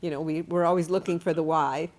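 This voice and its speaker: A woman hosting a children's book discussion, explaining things clearly and deliberately. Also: low-pitched, steady tone, darkish tone. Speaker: host of a children's book show. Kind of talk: book discussion and word lesson.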